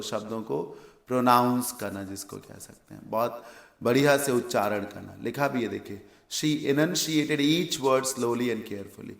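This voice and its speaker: Gravelly Indian male English teacher. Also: medium pitch, roomy sound. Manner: explains word meanings step by step, asks and answers his own questions. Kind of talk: exam vocabulary lesson.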